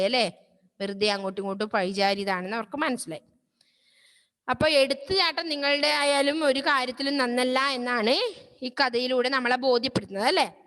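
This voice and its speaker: A woman teacher going over a story in an online class, explaining slowly and often asking the students "right?". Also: sits high, a bit bright, long reverb tail.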